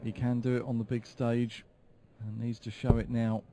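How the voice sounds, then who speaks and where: A man giving live darts commentary in a measured, explanatory way. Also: medium pitch, little pitch movement, dark tone. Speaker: sports commentator.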